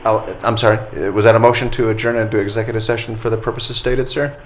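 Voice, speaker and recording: A man who is a county commissioner, chairing a public meeting in a brisk, procedural way with a light joking touch. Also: fairly low pitch, fairly even intonation.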